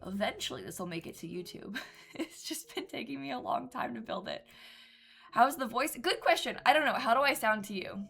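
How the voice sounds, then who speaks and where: Faint music plays as a young woman streams herself building in a game, stuffed up from a cold and musing aloud with many ums and giggles. She sounds a little high, animated, gravelly and slightly bright, speaking fairly quickly.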